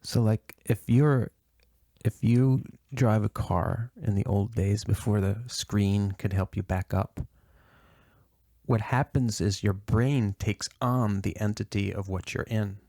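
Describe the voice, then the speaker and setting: Gravelly man thinking aloud on a podcast. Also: on the low side, fairly even intonation, mellow, no room sound, studio quality. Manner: thinks aloud, halting restarts. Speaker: body worker and podcast co-host. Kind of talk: reflective podcast conversation.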